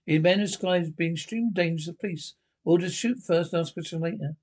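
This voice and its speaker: A man's voice: fairly high pitch, quick pace, a little mellow. An actor voicing a formal male radio news announcer in a cartoon, heard over a radio. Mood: urgent. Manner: formal, clipped newsreader delivery. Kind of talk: cartoon voice acting.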